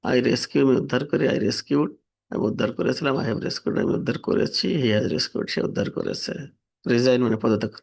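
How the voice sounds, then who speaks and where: Gravelly, husky man drilling English verbs. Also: mid-range voice, moderate pace. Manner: steady listing drill, English verb forms then Bengali meanings. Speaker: English vocabulary teacher. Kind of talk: vocabulary lesson, reading word lists with translations.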